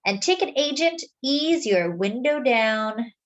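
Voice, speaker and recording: A woman with a higher voice reads aloud from a children's book, lively and dramatic yet deliberate, speaking as a storyteller to kids. The sound is lo-fi.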